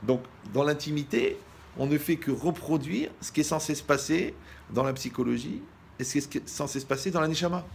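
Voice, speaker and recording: A man preaching as a rabbi, lively and joking, talking straight to the listener and acting out little scenes. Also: a little high, fairly quick, gravelly, a little hiss or hum. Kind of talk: humorous sermon on marriage.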